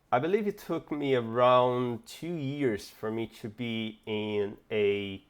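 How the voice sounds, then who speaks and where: A young Brazilian man with a Brazilian Portuguese accent, telling a personal story in a casual, reflective way with hesitations and restarts. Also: on the low side. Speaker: fitness vlogger.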